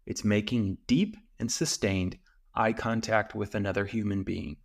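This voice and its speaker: Low gravelly guy doing a calm solo podcast, explains things slow n steady. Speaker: podcast host and men's coach. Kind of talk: reflective solo talk.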